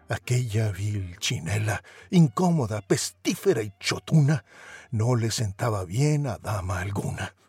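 A man's voice: medium pitch, a little mellow, slightly rough, dry recording. A man, a professional voice actor, reading a rhyming story in a theatrical, comic way.

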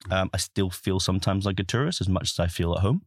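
A man in his thirties speaks with a Highland Scottish accent in a low voice. He tells his story conversationally, with wry, playful turns of phrase, in a very dry recording. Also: quick pace, no room sound. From Highlands of Scotland. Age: 30s. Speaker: producer at an animation studio, guest.

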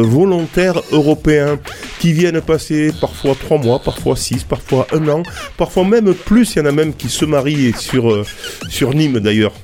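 Chatty radio host, halting delivery. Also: male voice, a little high, a little mellow. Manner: hesitant, many fillers and restarts. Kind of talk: hosting a radio interview.

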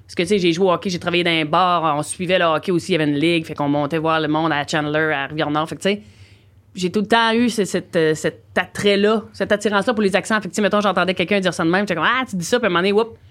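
A woman's voice: on the low side, racing. A woman from the Gaspésie with a strong Gaspésie Quebec French accent, telling slangy stories with plenty of laughter as a comedian guest on a casual podcast. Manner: lively storyteller, slangy, laughs often.

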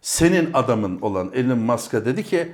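A man co-hosting a comedic talk show, telling stories, laughing often and trying to calm his partner. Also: medium pitch, a little fast. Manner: storytelling, laughing, placating. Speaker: co-host. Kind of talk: comedic casual banter.

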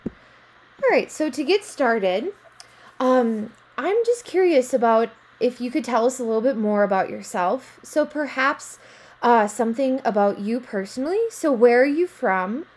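A woman with a slightly high voice hosts a podcast. She interviews her guest in a friendly, encouraging manner and asks long open questions. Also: expressive, measured pace. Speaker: podcast host.

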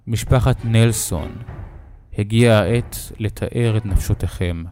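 A man voicing a sinister old village elder in a horror story, speaking slowly and softly with calm menace, over faint background music. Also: on the low side, close to an everyday voice. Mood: calm menacing. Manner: slow, soft, unhurried menace.

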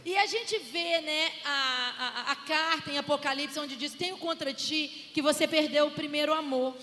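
A woman co-leading a church marriage talk, telling lively stories and laughing as she preaches. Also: high-pitched, normal speed. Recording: echoey hall with long reverb and faint noise.

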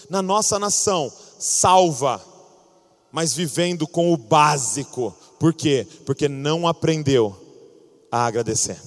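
A male preacher delivering a sermon with animated storytelling. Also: high voice. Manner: animated storytelling, acting out scenes. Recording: long reverb of a large hall.

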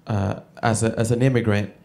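A man from El Salvador doing a stand-up comedy set, with a halting delivery full of fillers and restarts. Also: on the low side, flat delivery, gravelly, darkish tone. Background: audience laughter.

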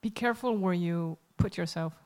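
A woman's voice: lowish voice, normal speed, a little mellow. Woman interpreting a sermon live. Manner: hesitant, searching for words with fillers and self-corrections. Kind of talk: live consecutive translation voice-over of a sermon. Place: church.

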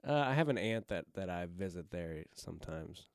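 Lively low-voiced man in dry studio. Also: normal speed, no room sound. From Arkansas and Kansas City, US. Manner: laid-back, profane, lively. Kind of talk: casual podcast chat.

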